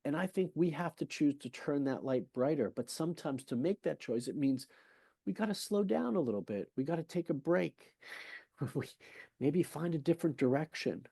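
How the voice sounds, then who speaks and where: A slightly high, husky, creaky, warm male voice speaks animatedly at normal speed in a dry, clean studio recording. As a fertility specialist on a podcast, he persuades emphatically, asks rhetorical questions, and recounts patient conversations in a chatty manner.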